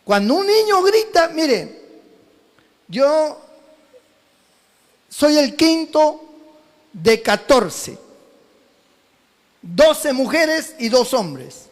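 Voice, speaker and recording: A pastor from Peru preaches with fervour, mixing exclamations with homely family stories. His voice sits very high for a man, and each phrase rings out in a long hall reverb. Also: sing-song, very slow, long pauses. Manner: fervent preaching with homely storytelling, exclamations and asides to the congregation. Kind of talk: sermon.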